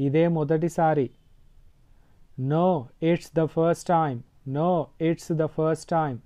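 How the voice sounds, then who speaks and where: A man with a Telugu accent teaching English phrases, saying each sentence slowly and repeating it. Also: fairly high pitch, steady tone, warm tone, clean tone. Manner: slow, deliberate repetition. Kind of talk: slow sentence drill, Telugu then English twice.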